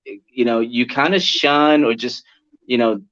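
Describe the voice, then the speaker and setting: A man, an actor born in Puerto Rico and raised near Atlanta, chats casually as a guest over a video call, relaxed and laughing easily. His mid-range voice is unhurried, and the online call audio is lo-fi.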